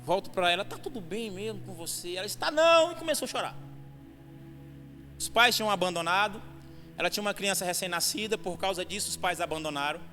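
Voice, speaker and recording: A young adult man, giving a fervent testimony sermon that rises to shouts at its peaks. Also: sits high, animated, quick pace. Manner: fervent storytelling, rising to shouts at climaxes. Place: church hall. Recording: long reverb hall with music behind.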